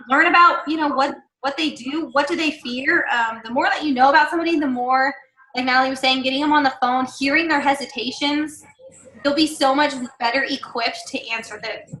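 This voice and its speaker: A woman's voice: high-pitched, brisk, sharp tone, roomy sound, low-quality recording. A woman giving chatty, encouraging sales training to her team, with lots of fillers and asides. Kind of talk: casual coaching talk.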